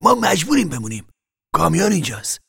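An eager young farm lad in an audiobook, pitched high above the reader's own voice. His tone is gravelly and husky, with a dry, close sound. He talks in quick, earnest bursts. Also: sing-song, a bit bright, no echo, exaggerated voice.

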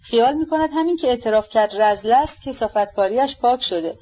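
A woman's voice: on the high side, lively intonation. A woman reading a scolding imperious noblewoman. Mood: indignant scolding. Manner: scolding, indignant. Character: imperious hot-tempered noblewoman, older. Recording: dull lo-fi audiobook recording.

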